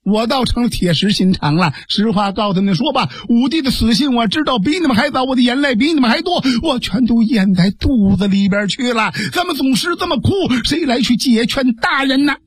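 A man's voice: extremely high pitch, animated, fairly quick, few pauses, husky, no echo, clean studio sound, heavily acted. A male storyteller voicing a shrewd, urgent male officer pleading with his lord. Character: shrewd, fast-talking male sworn brother officer. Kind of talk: Chinese storytelling performance.

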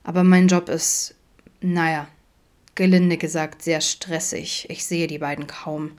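A woman voicing a guarded, introverted middle-aged father who mumbles in a low, quiet way, in an audiobook. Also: fairly even intonation, a little slow.

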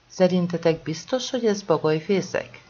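A reader voicing a bossy, blustering bald male schoolteacher in an audiobook, giving orders and shouting. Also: mid-range voice, muffled recording, pitched above the performer's own voice, natural voice. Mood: doubtful. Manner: commanding, bursts into loud shouts.

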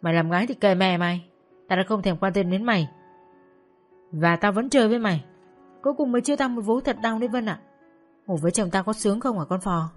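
A woman's voice: mid-range voice, fast talker, long pauses, soft background music, natural voice. A woman voicing a jealous young woman who screams vicious insults in a brawl, in a narrated audio story. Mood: screaming abuse.

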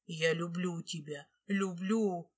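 A woman reading an audiobook voices a remorseful adult husband who begs his wife in a lowered voice, then whispers to her. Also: fairly even intonation, slow, breathy edge. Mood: tender whispering.

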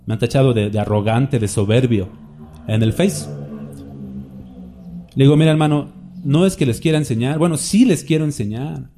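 A man's voice: medium pitch, moderate pace, pauses often, warm tone, soft background music. A man preaching a sermon in a conversational way, often asking the listeners questions and acting out quoted voices. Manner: acts out quoted voices for examples.

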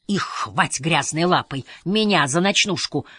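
A woman's voice: sits low, lively intonation, measured pace, fairly bright tone, husky, no room sound, exaggerated voice. A woman reading the part of a grumpy, sleepless middle-aged woman who talks bluntly and sourly.

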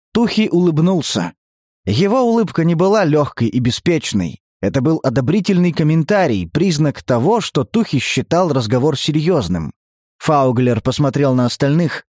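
A man narrating an audiobook in a measured, even reading voice. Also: a little high, dry recording, studio quality. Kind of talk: scripted narration.

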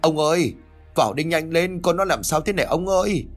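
A man voicing a frantic middle-aged village mother who stammers and pleads in a shrill voice. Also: lively intonation, a little fast, soft background music. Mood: panicked.

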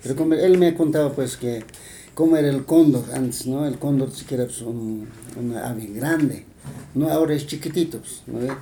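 A man's voice: mid-range voice, normal speed, mellow, a little hiss or hum. A man with a Bolivian Spanish accent, retelling a folk tale in an interview, rambling and full of fillers and tag questions.

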